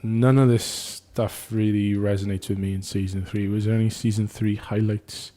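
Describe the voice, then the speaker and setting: Relaxed low-voiced man, rambling. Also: moderate pace. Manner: rambling, swears casually. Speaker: podcast host. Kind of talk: casual chat.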